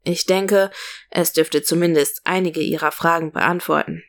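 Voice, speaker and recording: A courteous male stranger speaks in a formal, gently reassuring way, as a woman reading a story acts him out. The voice stays near the storyteller's own, polite and composed. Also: fairly low pitch, steady tone, measured pace, vocal fry.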